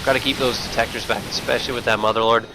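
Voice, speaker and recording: A man with a lisp and slushy s sounds, giving excitable live esports commentary and thinking aloud. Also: medium pitch, racing, noisy background. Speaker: esports shoutcaster. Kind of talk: live StarCraft match commentary.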